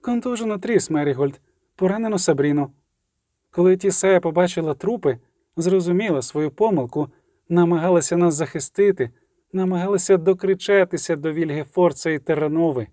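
A man's voice: high-pitched, brisk, warm tone, dry recording, clean studio sound, natural voice. A man doing a wounded, exhausted sorceress. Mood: shaken. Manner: weary, shaken, recounting.

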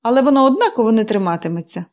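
A woman's voice: a little high, animated, very fast, a little mellow, natural voice. A woman reading a storybook and voicing a bitter, bedridden woman in her forties who answers dryly and grudgingly. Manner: dry, grudging, sardonic.

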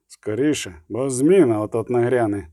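A man's voice: mid-range voice, moderate pace, mellow, dry recording, clean studio sound, voice pushed down, natural voice. A man voicing a blunt, bossy male soldier at a checkpoint. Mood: demanding. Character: gruff male soldier demanding a bribe.

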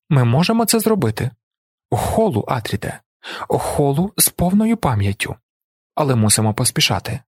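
A cunning male shapeshifter villain, as an audiobook reader puts him on, gloating and silky as he threatens. His voice sits a touch high and husky, close and dry, every bargain laced with menace. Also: no room sound. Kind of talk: audiobook character voice.

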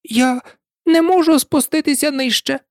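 A woman's voice: high-pitched, normal speed, dry recording, clean studio sound, voice pushed up, lightly acted. A woman voicing a timid male hatter who pleads in a trembling voice in a storybook reading. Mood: nervous pleading. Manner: nervous, pleading.

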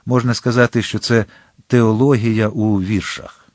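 A man's voice: on the low side, steady tone, unhurried, a little mellow, no echo, clean studio sound. A man voicing a courteous, subtly vain young man who argues his theology politely in an audiobook. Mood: polite earnest. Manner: courteous with a hint of irritation.

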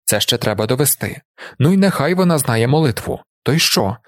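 A man reading the lines of an angry, hostile young desert warrior, loud and defiant, in an audiobook. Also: mid-range voice, lively intonation, brisk, no echo, studio quality, close to an everyday voice.

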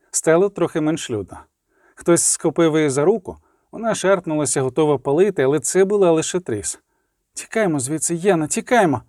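A man narrating a fantasy audiobook in a measured, dramatic way. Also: fairly high pitch, mellow, dry recording, studio quality.

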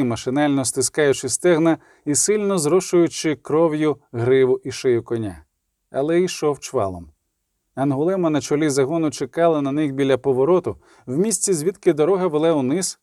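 A man reading an audiobook in a steady, measured way, adding short explanatory notes. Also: on the high side, dry recording, studio quality. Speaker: audiobook reader. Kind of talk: audiobook narration.

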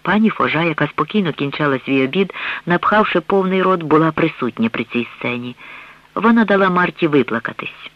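A man's voice: on the high side, no room sound. Man narrating a novel on radio. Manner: even, measured storytelling. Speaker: audiobook reader. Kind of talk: scripted narration. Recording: dull dry radio recording.

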